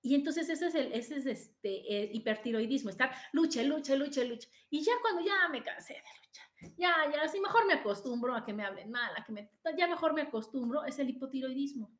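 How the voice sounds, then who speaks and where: A woman with a Mexican accent hosting a motivational podcast monologue, animated and repeating phrases for emphasis. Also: sits high, brisk, roomy sound. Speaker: podcast host.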